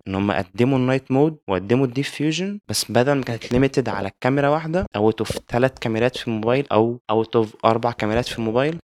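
Quick Egyptian man blending English into Arabic. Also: mid-range voice, no echo, studio quality. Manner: mixes English words and phrases into Arabic. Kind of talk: casual tech discussion.

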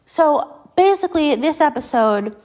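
Here a teenage girl hosting a podcast talks casually about herself, animated and high-pitched yet darkish in tone, her nose clearly stuffed up. She stumbles along with lots of filler words.

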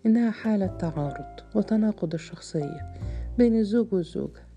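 Woman voicing a condescending male psychiatrist; measured, cool lecture, dark tone. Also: medium pitch, expressive, faint music behind, lightly acted. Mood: lecturing. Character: calm, condescending male psychiatrist, middle-aged, bearded.

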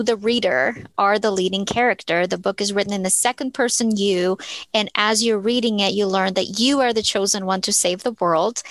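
A woman from Ukraine, a therapist and author, answering interview questions in an earnest, reflective way with thoughtful pauses. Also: medium pitch, fairly bright tone, no room sound.

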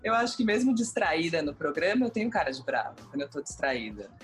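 A woman's voice: low voice, fast talker. A Brazilian woman, a TV presenter, telling stories animatedly in a casual interview and acting out the dialogue, with faint music underneath. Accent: Brazilian Portuguese. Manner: animated storyteller, acts out quoted dialogue.

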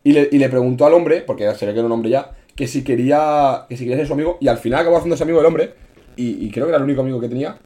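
A young man, co-hosting a casual chat and rambling quickly through a story. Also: mid-range voice, mellow. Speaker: podcast co-host.

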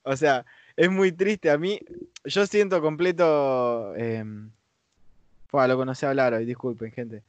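A man's voice: medium pitch, fairly even intonation, takes it slowly, no room sound. A man with a Rioplatense accent in a casual podcast chat, enthusiastic and stumbling over his words. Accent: Rioplatense Spanish. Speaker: podcast co-host.

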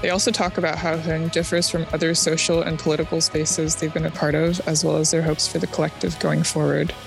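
A woman moderating a casual group podcast discussion, speaking in a relaxed, hesitant way with frequent fillers. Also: sits low, brisk, vocal fry, over music.

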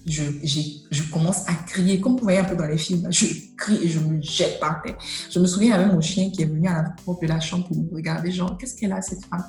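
A woman's voice: on the low side, steady tone, a little fast, a little mellow, echoey room, faint music behind. A woman giving a personal faith testimony, telling her story animatedly and acting out the dialogue. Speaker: guest sharing a testimony.

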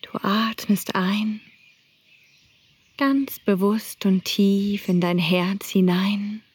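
A woman guiding a breathing meditation in a soft whisper. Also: mid-range voice, husky. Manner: soft whispering, slow and calm. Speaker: meditation guide.

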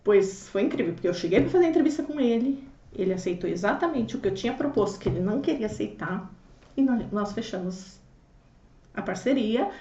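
A woman sharing her story as an interview guest, expressive, acting out dialogue and swinging between loud and hushed. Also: mid-range voice, fairly quick. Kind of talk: animated personal testimony. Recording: roomy, distant, dull audio.

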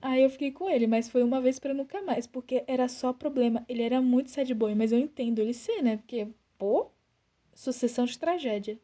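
A woman's voice: sits high, a little fast. A young woman, casually telling a story on a podcast and acting out the dialogue in it. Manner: animated, acts out quoted dialogue. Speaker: podcast co-host.

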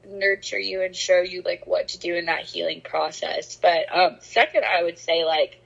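A woman's voice: on the low side, fairly even intonation, moderate pace, creaky, fairly bright tone, breathy edge, highs cut off. A young woman co-hosting a faith podcast, chatting casually, with lots of fillers and some self-mocking sarcasm. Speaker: podcast co-host. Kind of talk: casual chat.

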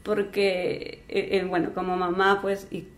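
A woman's voice: fairly low pitch, completely flat delivery, a little slow. A woman guest on a podcast, speaking in a reflective, conversational way and often ending her phrases with a questioning tag. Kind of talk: casual conversation.

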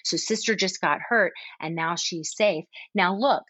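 A woman parenting coach with a slightly low voice gives patient, explanatory advice, often restarting her phrases. The sound is dry and a little dull, like lo-fi call audio. She speaks close to the mic. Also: a little slow, husky, dry recording. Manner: gentle, explanatory, frequent restarts.

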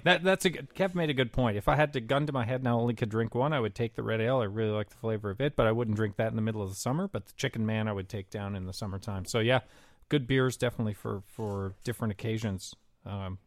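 Male co-host, mid pitch, dry sound, emphatic with dramatic pauses. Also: no room sound. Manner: emphatic, deliberate pauses for effect. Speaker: podcast co-host. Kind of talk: casual podcast chat and comic rant.

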